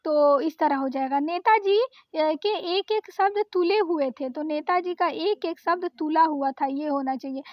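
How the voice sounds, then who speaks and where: A woman's voice: high voice, unhurried, hardly any pauses, no echo, lo-fi sound. A woman teaching an exam-prep grammar lesson, correcting sentences one by one and explaining each fix patiently.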